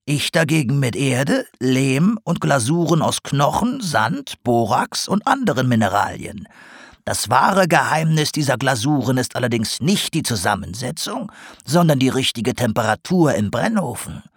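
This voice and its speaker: A man's voice: mid-range voice, very animated, slightly rough, no echo, clean studio sound, voice pushed up. Man playing a sly swamp creature potter. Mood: teasing. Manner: teasing, knowing, unhurried. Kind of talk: audiobook character voice.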